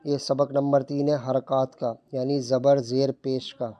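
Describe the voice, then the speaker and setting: A man teaching Quran reading, switching between quick explanations and slow, carefully spaced syllable drills. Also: mid-range voice, flat delivery, dark tone, no room sound. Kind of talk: step-by-step recitation lesson.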